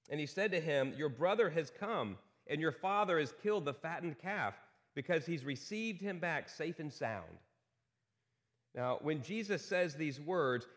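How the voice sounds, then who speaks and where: A man's voice: a little high, big-room sound. A man preaching a sermon as pastor at a pulpit microphone in a church, earnest and repeating key lines with rhetorical questions. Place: church sanctuary.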